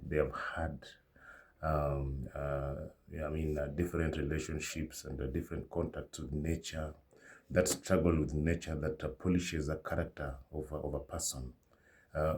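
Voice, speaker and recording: A man with an extremely low, dark voice delivers a reflective monologue. He pauses often, filling the gaps with drawn-out "uh"s as he searches for words. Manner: slow, halting, with many fillers. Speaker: commentator.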